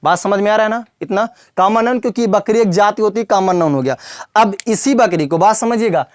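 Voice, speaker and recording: A man's voice: high-pitched, fairly quick, no room sound, studio quality. A man teaching English grammar in a classroom lesson, repeating points and quizzing the viewer with questions, calling them brother and child.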